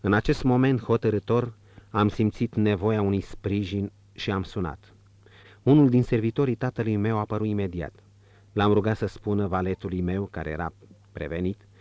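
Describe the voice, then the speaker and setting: A man narrating an audiobook in a steady, measured reading style. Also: lowish voice, no echo, muffled recording.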